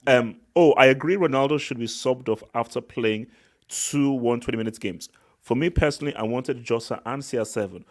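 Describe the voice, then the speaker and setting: Male stream host, casual sports banter, slangy, animated, mid pitch, repeats himself for emphasis. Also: fairly quick. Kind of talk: casual live reaction sports chat.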